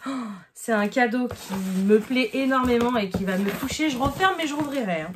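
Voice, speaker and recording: A woman's voice: a little high, fairly quick, noisy background. A woman in her thirties unboxing gifts in a casual vlog, gushing with delight and thanking people over and over. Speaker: vlogger unboxing gifts from subscribers. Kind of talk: casual chat.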